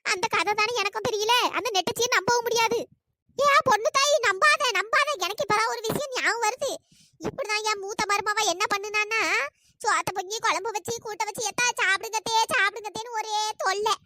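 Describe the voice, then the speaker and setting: Lady playing a chattering old village busybody, squeaky high, hissy background noise. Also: a little fast. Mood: gossiping. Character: gossiping old village woman, scheming. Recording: noisy home recording.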